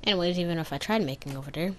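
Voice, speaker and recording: Low-voiced woman doing playful gameplay commentary. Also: racing, crowd noise. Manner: playful, uses internet slang. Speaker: gameplay channel host. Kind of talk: casual let's-play commentary.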